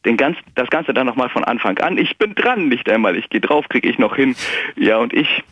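Brief: male radio caller, poetry recital, dry husky voice, muffled phone sound. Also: medium pitch, expressive, a little fast, no room sound. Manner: hesitant with fillers in talk, rhythmic in verse. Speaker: caller reciting his poems. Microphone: telephone. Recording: dull phone-line sound.

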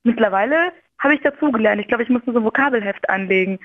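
A chatty woman calling in to a radio show tells her stories in a lively, animated way. Her voice sits a little high and sounds somewhat husky. It comes through a muffled phone line. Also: fast, no echo. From Rhineland, Germany. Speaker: radio caller. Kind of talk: casual storytelling on a call-in show. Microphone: telephone.

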